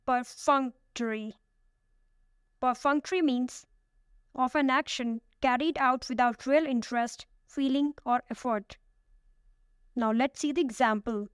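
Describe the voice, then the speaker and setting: Woman with a smooth, crisp teaching voice. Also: sits high, no room sound, clean studio sound. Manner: slow, careful word-by-word pronunciation drills. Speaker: vocabulary teacher. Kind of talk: scripted vocabulary lesson.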